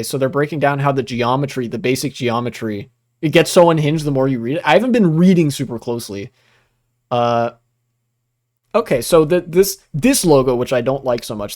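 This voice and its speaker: A man's voice: medium pitch, expressive, brisk, darkish tone. A young man hosting a casual livestream, reacting to what he reads on screen in a rambling, profane way, with many fillers and bursts of laughter. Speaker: livestream host.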